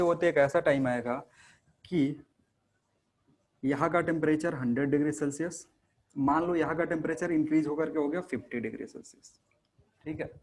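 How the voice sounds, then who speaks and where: A male teacher giving a classroom lecture to students. He asks questions and answers them himself, and he mixes English technical terms into his Hindi. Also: on the high side.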